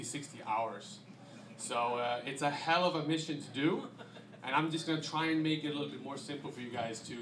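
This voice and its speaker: A man in his thirties from Iceland with an Icelandic accent, giving a relaxed, conversational slide talk on a handheld mic with many fillers. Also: fairly high pitch, slight background noise. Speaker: guest presenter. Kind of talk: slide presentation to an audience. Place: dim restaurant event room. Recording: echoey room.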